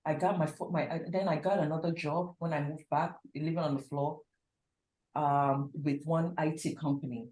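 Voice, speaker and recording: Blunt woman in her 40s, lower voice, instructor addressing a class in an echoey room. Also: steady tone, normal speed, a little mellow. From Nigeria. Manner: emphatic, blunt, repeats for stress. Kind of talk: frank motivational talk in class.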